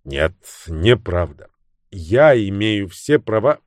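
A man's voice: lowish voice, sing-song, takes it slowly, darkish tone, no room sound, clean studio sound. A man voicing a brooding young male investigator in an audiobook, speaking curtly and earnestly.

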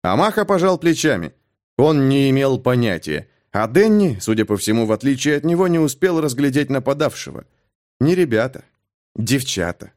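Male audiobook narrator, dramatic thriller reading, lively rising-and-falling pitch. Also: fairly quick. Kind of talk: scripted narration.

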